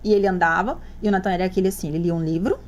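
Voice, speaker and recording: A woman's voice: fairly low pitch, steady tone, very fast, a little mellow. A woman, a mother guest on a podcast, telling her story in casual chat and acting out the dialogue she quotes.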